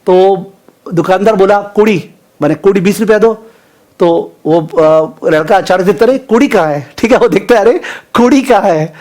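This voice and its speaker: A chatty man from India teaching a finance class online, with a fairly high voice. He mixes Hindi and English freely and keeps checking in with his students as he goes. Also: darkish tone. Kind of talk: online class lecture, casual asides.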